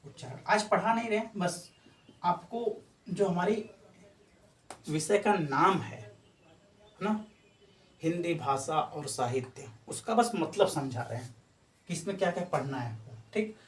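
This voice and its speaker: A man's voice: high-pitched, animated, measured pace, long pauses. Man lecturing in an echoey room. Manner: explanatory, repeats examples and asks "ठीक है". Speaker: teacher. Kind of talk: exam-prep lecture. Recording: echoey room from far off, faint noise.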